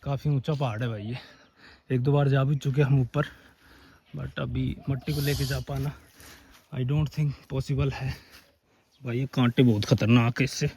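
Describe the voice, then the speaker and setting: A man with a hoarse, scratchy throat narrating a casual outdoor vlog as he walks over dunes and up a forested hill, chatting to his viewers. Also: medium pitch, fairly even intonation, a little slow, pauses often, warm tone. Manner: chatty, keeps calling viewers "brother". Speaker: vlogger.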